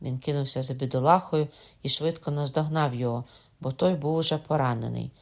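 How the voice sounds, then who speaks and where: Man narrating an audiobook, steady. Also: medium pitch, brisk, vocal fry. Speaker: audiobook reader. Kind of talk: scripted narration.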